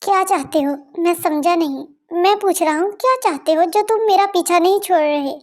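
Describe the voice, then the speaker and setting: A high-voiced performer dubbing an irritated young male college student who snaps and scolds. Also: moderate pace. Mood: annoyed. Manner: snappy, scolding. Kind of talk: Hindi fan dub.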